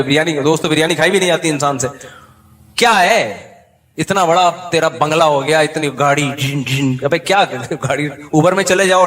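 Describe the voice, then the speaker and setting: An Islamic scholar gives a humorous religious talk, telling stories jokingly and laughing between points. His voice is on the high side and a bit bright, with the sound of a big room.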